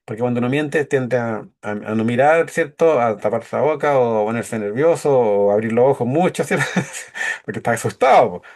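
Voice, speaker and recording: A man's voice: medium pitch, expressive, normal speed, a little mellow. A man teaching a leadership course in a conversational lecture style, often checking in with his listeners and acting out short quoted exchanges. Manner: conversational, keeps checking in with "¿cierto?", acts out little quoted exchanges.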